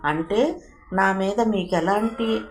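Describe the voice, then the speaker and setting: A woman voicing an earnest young man who pleads gently and persistently in a storybook reading. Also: medium pitch, slow, lightly acted. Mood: pleading. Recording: roomy echo, faint hiss.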